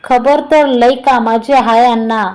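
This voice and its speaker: Woman reading a boastful rustic tipster man, sly, high mellow voice. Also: steady tone, a little slow, close to an everyday voice, rough recording. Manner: rustic speech, sly bragging.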